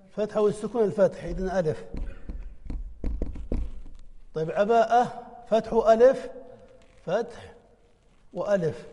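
A man's voice: sits high, mellow, long reverb tail. A man teaching a spelling lesson, working through examples by asking questions and answering them himself. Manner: methodical, asks and answers his own questions.

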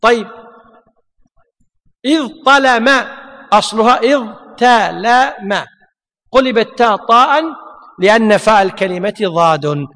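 Guy with a really high bright voice teaching a class, asks himself questions and answers, long hall echo. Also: animated, takes it slowly, long pauses. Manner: repeats points, asks and answers own questions. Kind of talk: classroom grammar lesson.

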